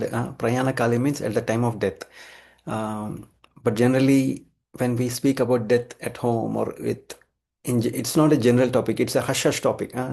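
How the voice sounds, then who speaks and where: Indian-accented man teaching scripture, creaky voice. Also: mid-range voice, a little mellow. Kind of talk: devotional lesson with verse recitation.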